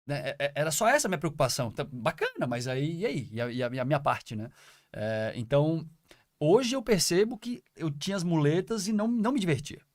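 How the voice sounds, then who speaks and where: A man's voice: on the high side, animated, a little fast, no echo, clean studio sound. A man speaking as a guest in a casual podcast conversation, earnest and repeating words for emphasis. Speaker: podcast guest, business partner.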